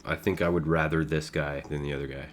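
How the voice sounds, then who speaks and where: A man with a deep, low voice narrates his own online poker session live. He thinks aloud in a loose, casual way, trailing off with fillers and laughing at his own asides. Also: level tone, fast talker, slight background noise. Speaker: poker streamer commenting his own play. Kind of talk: casual live game commentary.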